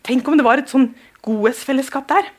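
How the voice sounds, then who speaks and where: High-voiced woman giving a chatty sermon. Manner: chatty, acts out little dialogues. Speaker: church speaker. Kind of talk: informal sermon.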